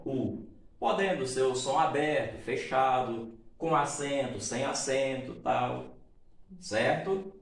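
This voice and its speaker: Man, teacher, deliberate unhurried delivery, roomy echo, a bit off-mic. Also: mid-range voice, creaky. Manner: explains slowly, checks in with "certo?" and "tá bom?". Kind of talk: recorded grammar lesson. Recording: echoey room, voice from a distance.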